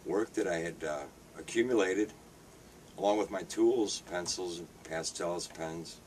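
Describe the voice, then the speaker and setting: In his fifties and from Hungary, this street paper vendor and artist responds to interview questions hesitantly, restarting often and using many fillers. His voice sits low with a darkish tone and a slightly slow pace, and the distant mic catches faint background noise.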